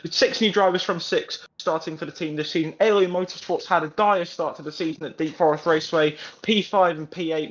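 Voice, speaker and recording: A man commentating live sim racing, rattling off results, lineups and penalties with the odd wry remark. His voice sits a little high. The stream audio sounds dull and lo-fi. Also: a bit bright. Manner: rapid stat-heavy team rundown, dry asides. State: slightly out of breath. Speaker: esports race commentator.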